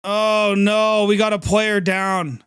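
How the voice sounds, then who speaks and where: A man hosting a live sports reaction stream, calling the plays as they happen in an excitable, chatty way and reacting quickly to each one. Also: sits high, clean tone, no room sound, studio quality. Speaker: livestream sports reaction host. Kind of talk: live play-by-play reaction commentary.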